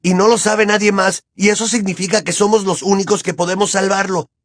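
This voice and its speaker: A man voicing a stubborn, desperate teenage boy wizard who shouts in heated defiance. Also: fairly high pitch, quick pace, no echo, clean studio sound, pitched above the performer's own voice, lightly acted. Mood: angry, insistent.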